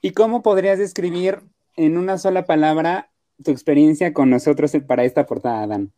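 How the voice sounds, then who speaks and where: A woman's voice: low voice, fairly quick, mellow, no room sound, studio quality. A woman interviewing a guest for a magazine, asking questions in a friendly, affirming way. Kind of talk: casual interview.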